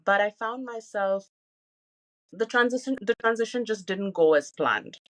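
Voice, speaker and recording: Here the thirties-aged podcast co-host sounds expressive and a little bright, with a medium pitch and a slightly slow pace. She chats candidly in a relaxed personal style, sprinkling in many "you know"s.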